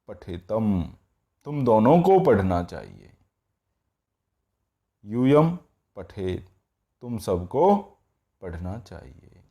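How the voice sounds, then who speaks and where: Slow, lively-pitched man teaching Sanskrit grammar. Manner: patient, repeats each form slowly, often says "all right". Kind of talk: classroom-style grammar lesson.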